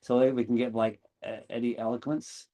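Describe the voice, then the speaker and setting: A man hosting an online meetup, talking through a live software demo, rambling and correcting himself as he goes. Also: mid-range voice, level tone, brisk. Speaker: meetup host.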